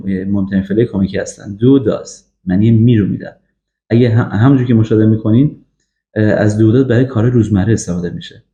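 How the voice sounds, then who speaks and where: A man giving an English grammar lesson, drilling example sentences slowly with frequent fillers. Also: medium pitch, mellow. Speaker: English teacher. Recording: echoey, dull lo-fi room recording.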